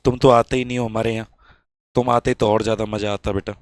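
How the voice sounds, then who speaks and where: A man's voice: on the low side, flat delivery, fast talker, no echo. A male science teacher running a live online class, chatting with students and reading their comments aloud.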